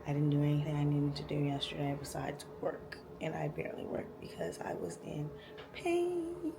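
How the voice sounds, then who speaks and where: A woman's voice: low voice, expressive, normal speed, background noise. A woman chatting casually to camera as a vlogger, candid, informal and slangy.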